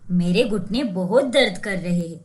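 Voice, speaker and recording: A woman voicing a kindly, curious older village mother-in-law in a cartoon story, speaking in a slow, motherly tone. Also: medium pitch, a little mellow, voice pushed down, natural voice.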